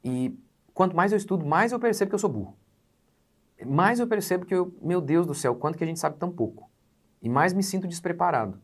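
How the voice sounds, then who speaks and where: In this sermon, a Brazilian man in his forties, a pastor, teaches in a voice that sits high, with lively intonation at a fairly quick pace. He has a Brazilian Portuguese accent. Emphatic throughout, he asks rhetorical questions and leans hard on important words.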